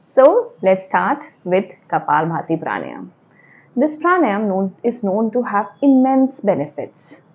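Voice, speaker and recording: A woman's voice: medium pitch, wildly swooping pitch, unhurried, darkish tone, highs cut off. A woman with an Indian accent giving spoken yoga instruction step by step, repeating and rephrasing key points as she goes.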